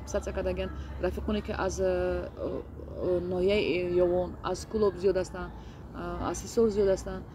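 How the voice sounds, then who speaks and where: Earnest woman, halting speech. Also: medium pitch, noisy background. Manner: earnest, hesitant, many restarts and fillers. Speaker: interview guest. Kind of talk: casual interview.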